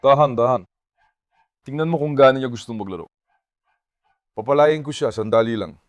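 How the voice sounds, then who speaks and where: A pet vlogger talks casually to the camera and coaxes his dogs, narrating his vlog in a medium-pitched male voice. His pace is moderate and the recording is dry.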